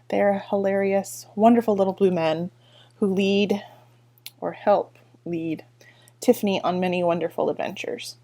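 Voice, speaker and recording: A woman librarian talks casually about a book and reads a passage aloud. She speaks at a middle pitch, pausing on fillers and correcting herself as she goes. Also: warm tone. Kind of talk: book talk and read-aloud.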